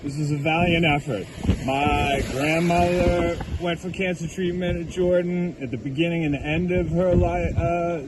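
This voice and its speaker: A male reporter works a wet, blustery waterfront event outdoors, conducting interviews with theatrical humor. His voice sits on the high side, level in tone and measured in pace, captured amid noisy outdoor sound.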